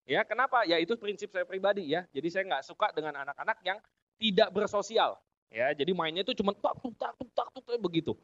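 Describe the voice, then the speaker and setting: High-voiced joking Indonesian man speaking. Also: expressive, fast talker, fairly bright tone, dry recording. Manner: joking, chuckles at his own punchlines; addresses audience as "Bapak Ibu sekalian". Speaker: business seminar speaker. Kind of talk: motivational talk to an audience. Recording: dry, dull lo-fi audio.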